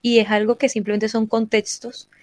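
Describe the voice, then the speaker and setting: A woman speaks with a costeño Caribbean Spanish accent from Colombia. Her pitch stays fairly level, yet she is earnest and emphatic, often repeating a phrase to drive it home. The recording is dry, with very little room sound. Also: flat delivery, moderate pace, no echo. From Caribbean coast of Colombia. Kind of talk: conversational interview talk.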